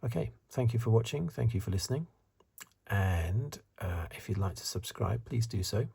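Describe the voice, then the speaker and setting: Speaking near the microphone in a lowish, expressive voice, a man hosting an ASMR review channel gives breathy, husky commentary that drifts partly into a whisper. He pauses and muses as he gives his opinions.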